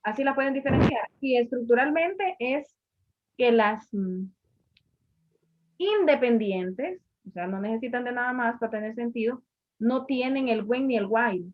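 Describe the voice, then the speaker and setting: A woman's voice: a little high, lively intonation, moderate pace. A woman teaching an English grammar class, patiently explaining and repeating each point in a classroom. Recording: muffled lo-fi recording.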